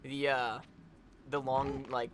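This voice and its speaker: A young man giving casual, profane gameplay commentary, getting excitable and swearing often as he plays. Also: medium pitch, takes it slowly, a little hiss or hum. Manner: excitable, swears a lot, yells at the game. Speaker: let's play gamer.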